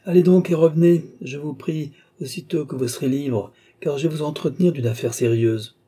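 A man voicing an irascible aristocratic old father, a baron who scolds and shouts in exasperation. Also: medium pitch, moderate pace, slightly rough, voice pushed up, close to an everyday voice. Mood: angry, scolding.

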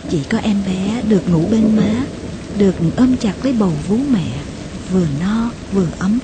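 A woman narrating a memoir audiobook in a slow, soft, emotional way, with passages dropping to a hush. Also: medium pitch, background noise.

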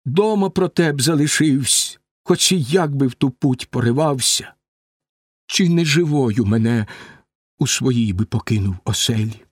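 A man voicing a grieving middle-aged queen in a lamenting verse reading, raised high above his own voice. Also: expressive, moderate pace, a little mellow, slightly rough, dry recording, studio quality.

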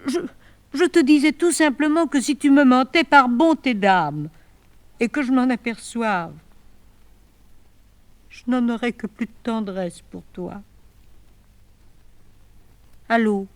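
An older actress playing a desperate woman pleading with her departing lover on the telephone, halting and swinging between emotions. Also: on the high side, dry recording, lightly acted. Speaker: actress in a one-woman play. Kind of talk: theatrical monologue on the telephone.

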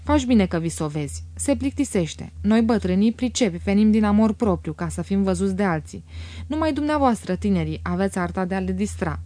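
A polite, smiling old general with a ceremonious manner, read by a woman. The voice sits in a mellow register, dry and close. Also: medium pitch, expressive, dry recording, natural voice. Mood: courteous. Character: courteous elderly male general, ceremonious. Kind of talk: audiobook character reading.

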